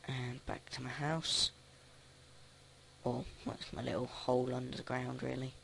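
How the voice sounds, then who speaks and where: Flat-voiced man narrating gameplay. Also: medium pitch, gravelly, a little hiss or hum. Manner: flat, halting, thinks aloud with many restarts. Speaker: let's play host. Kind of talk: casual gameplay commentary.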